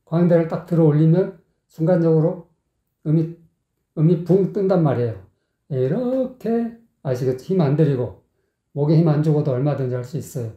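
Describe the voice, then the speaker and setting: A singing teacher gives a vocal lesson, singing short phrases slowly and then explaining them in quick, plain speech, often checking that the learner follows. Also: medium pitch, fairly even intonation. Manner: often checks with the learner by asking "you get it?". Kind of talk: vocal lesson with sung demonstrations. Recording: echoey, tinny phone-like sound.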